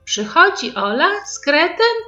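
A woman voicing a bossy little girl in a children's story, speaking high and insistent. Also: a little slow, sharp tone, highs cut off, soft background music, heavily acted.

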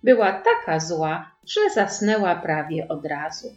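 A woman narrating a children's storybook in an expressive, sing-song way. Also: low voice, a little slow, roomy sound, muffled recording, soft background music.

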